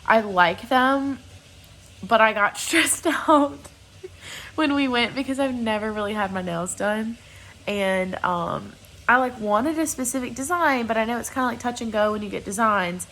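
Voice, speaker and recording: A woman's voice: a little high, unhurried, fairly bright tone. Chatty young woman, noisy recording. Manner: chatty, informal, candid. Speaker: vlogger, bride-to-be. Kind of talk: casual confessional vlog chat.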